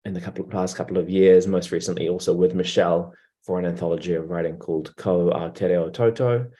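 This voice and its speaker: A man's voice: sits low, fairly even intonation, brisk, mellow. A man, a lawyer and writer, introducing himself casually and modestly with many fillers. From Iraq, raised in New Zealand.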